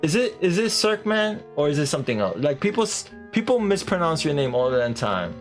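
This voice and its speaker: A man's voice: on the high side, very animated, a little fast, soft background music. A man live-streaming a game, chatting casually and animatedly with viewers, laughing and swearing offhand.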